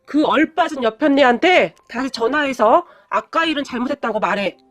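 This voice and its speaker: Brief: a hot-tempered, cunning middle-aged mother, voiced by a female narrator, blunt and commanding, with lively pitch swings. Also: normal speed, dry recording, soft background music. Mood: furious.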